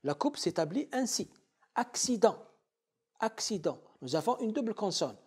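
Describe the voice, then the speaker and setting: A man teaching as a university professor in a lecture, speaking deliberately and spelling out syllables and examples again and again. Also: high voice, sing-song, darkish tone, husky.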